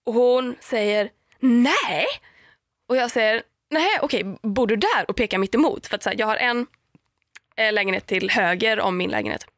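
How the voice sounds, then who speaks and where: A young woman casually telling a story on a podcast, lively, with many fillers and acted-out quotes. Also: mid-range voice, no room sound, studio quality.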